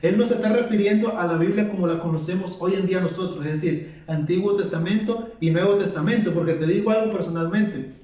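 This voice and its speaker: A man with a fairly high voice gives a casual Bible teaching for his vlog. He reads verses aloud one after another and keeps asking himself rhetorical questions. He sits back from the mic in a very echoey room. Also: fast, dark tone, far from the mic.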